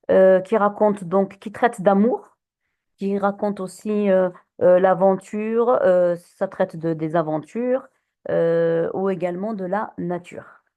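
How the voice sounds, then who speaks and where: In a classroom poetry lesson, a female teacher speaks with a mellow, warm voice in the mid range. Patient and full of questions for her students, she hesitates and restarts often, and a recorder in the room picks her up.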